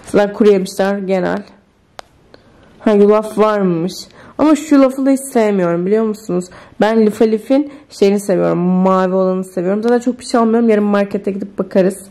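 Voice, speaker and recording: A woman's voice: medium pitch, brisk, warm tone. A woman chatting casually in a home vlog, thinking aloud and easily amused, with faint music behind her. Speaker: vlogger. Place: home kitchen.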